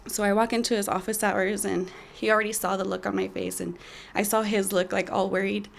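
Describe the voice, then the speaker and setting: A young woman in her twenties telling a personal story in a candid, halting way with many fillers. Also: mid-range voice, little pitch movement, creaky. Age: 20s.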